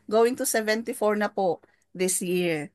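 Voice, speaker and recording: A woman's voice: mid-range voice, measured pace, no room sound. Middle-aged Filipino woman, dry close voice. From Philippines. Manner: mixes English into Tagalog, polite, tag questions to listeners. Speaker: mentor giving a testimony. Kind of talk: personal testimonial talk.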